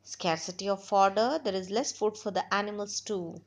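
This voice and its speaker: A woman's voice: medium pitch, normal speed, low-quality recording. A young woman teaching a textbook lesson, reading and explaining it in short phrases.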